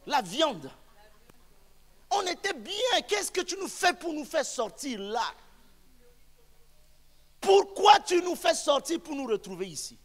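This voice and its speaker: A man's voice: very high-pitched, very animated, slow, pauses often, voice pushed up, exaggerated voice. A man preaching who voices a grumbling crowd wandering in the desert, whining and complaining about the comforts they left behind. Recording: long reverb of a church hall.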